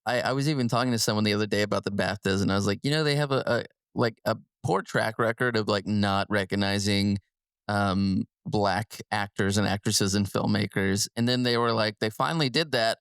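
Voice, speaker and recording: A man's voice: fairly low pitch, a little fast, a bit bright, clear, resonant tone, no room sound, clean studio sound. A man co-hosting a casual film podcast. He chats loosely, laughing often and restarting his sentences. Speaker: podcast co-host.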